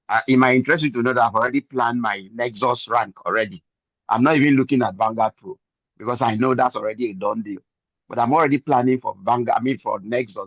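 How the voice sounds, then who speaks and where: An older man gives an earnest, preachy testimony and leans on repeated phrases for emphasis. His voice sits at a middle pitch. The recording is dry, with a slightly muffled, lo-fi tone. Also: fairly bright tone, no echo. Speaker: member giving a testimony. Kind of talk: motivational testimony.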